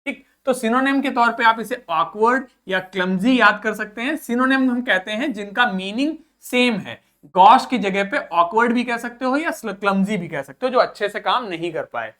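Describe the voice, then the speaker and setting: A man with a high, bright, pushed voice teaches a vocabulary lesson at normal speed with few pauses, moving between Hindi and English. He explains each word patiently and repeats it for the students to echo back.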